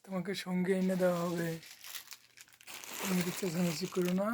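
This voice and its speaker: A man, softly coaxing and soothing a pet bird in a sing-song way. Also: high-pitched, little pitch movement, a little fast, noisy background. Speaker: travel vlogger.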